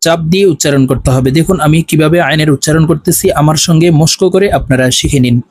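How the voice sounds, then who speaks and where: A man teaching Quran letter pronunciation, slowly chanting each syllable for the listener to repeat, then explaining in quicker asides. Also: fairly high pitch, a little mellow, a little hiss or hum. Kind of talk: slow drilled letter recitation with explanations.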